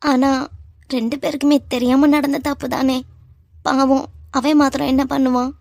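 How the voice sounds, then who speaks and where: A woman voicing a worried, quiet young woman with a Kanyakumari Tamil accent, in a cartoon love story. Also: high voice, little pitch movement, normal speed, creaky, no echo, clean studio sound. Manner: quiet, hesitant. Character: worried young woman, timid but fair.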